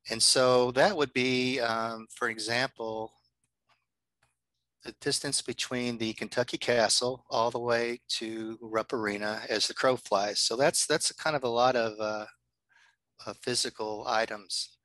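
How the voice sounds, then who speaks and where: Male librarian, lecture over a video call, bright tone, dry close sound. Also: medium pitch, fairly even intonation, measured pace, no echo, rough recording. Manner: friendly, chatty, many ums and uhs. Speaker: librarian presenting a workshop. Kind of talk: online workshop presentation. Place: home office.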